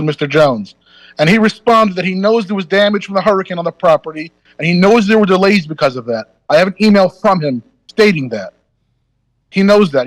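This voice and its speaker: A man's voice: sits high, no room sound, poor audio. A man arguing his side at a hearing, insistent and repeating his key points. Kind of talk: spoken argument at a hearing.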